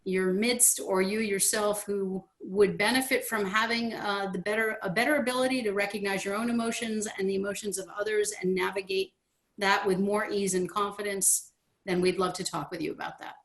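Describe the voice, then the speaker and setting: A woman's voice: mid-range voice, fairly even intonation, normal speed. A woman facilitating a video call workshop, upbeat and promotional as she describes her sessions. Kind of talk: casual pitch to a group.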